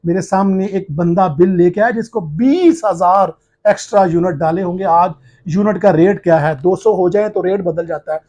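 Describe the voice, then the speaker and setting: Man, journalist, high-pitched, impassioned, challenging viewers. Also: moderate pace. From Pakistan. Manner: forceful, accusing, challenging.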